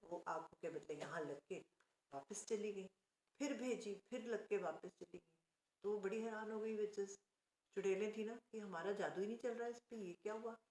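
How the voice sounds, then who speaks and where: A woman's voice: mid-range voice, moderate pace, darkish tone. Woman storyteller, casual and chatty, self-correcting, echoey room.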